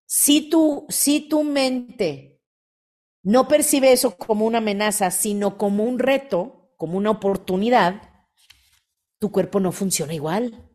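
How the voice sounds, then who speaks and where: A woman, hosting a motivational podcast and acting out quoted voices with lively energy. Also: on the high side. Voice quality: animated, acts out quoted voices. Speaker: podcast host.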